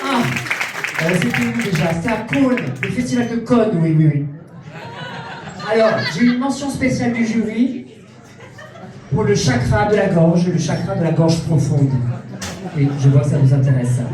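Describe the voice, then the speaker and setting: A man's voice: high-pitched, animated, normal speed, long pauses. A man performing a vain, grandiose female diva character in a cabaret stand-up act, with camp, self-mocking delivery. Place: cabaret club stage before a live audience. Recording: distant echoey club sound with crowd.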